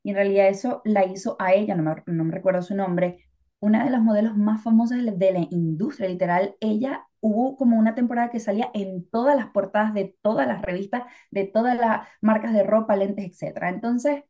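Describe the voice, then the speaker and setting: Talking a little fast at a medium pitch, a Venezuelan woman co-hosts a laid-back podcast through a muffled recording. She reflects in a chatty manner, sprinkling in plenty of fillers.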